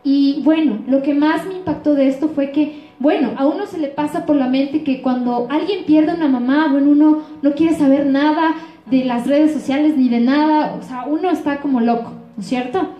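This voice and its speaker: A woman's voice: high voice, moderate pace, echoey room, dull audio. A woman pastor with an Ecuadorian accent giving a sermon, often asking the congregation rhetorical questions. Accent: Ecuadorian Spanish.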